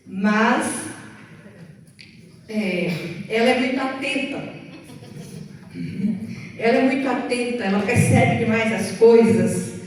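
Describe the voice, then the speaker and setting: A middle-aged Brazilian woman preaching to teenagers in a church, chatty and playful, acting out little stories. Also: fairly high pitch. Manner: playful, chatty, acts out quotes. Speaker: youth service speaker. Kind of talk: sermon to teenagers. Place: church hall. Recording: echoey hall from far off.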